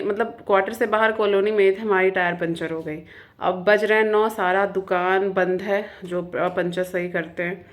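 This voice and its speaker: Chatty woman vlogger telling a story. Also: on the low side. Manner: chatty, mixing English words into Hindi. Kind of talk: casual storytelling vlog.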